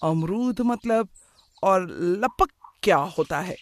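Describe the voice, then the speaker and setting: A man's voice: high-pitched, lively intonation, slow, a bit bright, exaggerated voice. A man voicing a careless young office worker who speaks in a breezy, offhand way and keeps slipping English slang into his talk. The voice belongs to a cartoon story. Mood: casual. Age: young adult.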